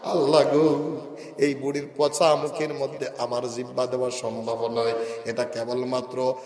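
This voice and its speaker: A male preacher voicing a fervent, devout caliph who cries out high and loud. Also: level tone, measured pace, a crowd in the background, lightly acted. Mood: crying out. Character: devout caliph, man of middle age, fervent. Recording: echoey loudspeaker reverb.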